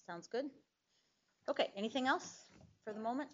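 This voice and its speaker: A woman's voice: a little high, animated, moderate pace, fairly bright tone, a little hiss or hum. A woman chairing a public board meeting, moving through agenda items in an informal, friendly and slightly hesitant way. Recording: muffled meeting recording.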